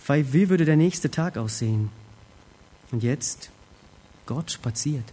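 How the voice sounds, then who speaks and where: A man preaching a sermon, retelling a scripture scene expressively and swinging between hushed reflection and emphatic lines. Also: a little high, lively intonation, takes it slowly, breathy edge.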